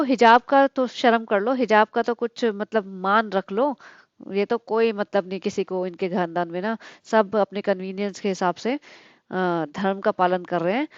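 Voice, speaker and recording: A woman's voice: mid-range voice, clear, resonant tone, no room sound, lo-fi sound. A woman vlogger giving sarcastic, scolding commentary on another vlogger's videos. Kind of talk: critical commentary on other vloggers.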